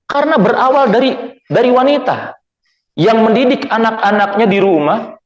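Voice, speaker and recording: High-voiced preacher in an echoey hall. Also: male voice, animated, moderate pace, highs cut off. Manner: repeats phrases for emphasis. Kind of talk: sermon with storytelling.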